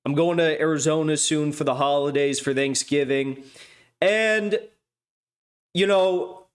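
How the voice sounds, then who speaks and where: A man's voice: a little high, unhurried, clear, resonant tone. A man hosting a livestream news show, talking off the cuff in a rambling, sardonic way with mocking asides. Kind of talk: casual off-the-cuff monologue.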